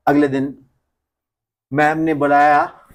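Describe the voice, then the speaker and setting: A male physics teacher telling a story to his class, animated and acting out the people in it, mixing Hindi with English physics phrases. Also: a little high, takes it slowly.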